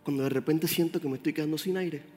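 Man, preacher, high pitched, animated, long hall reverb. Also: fast talker. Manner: animated, addresses the congregation directly. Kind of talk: sermon. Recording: roomy hall with faint music.

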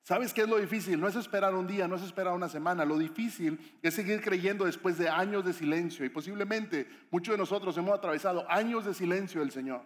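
High-voiced pastor preaching. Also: male voice, fast, few pauses. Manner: conversational, questioning the audience. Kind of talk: sermon. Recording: echoey hall reverb.

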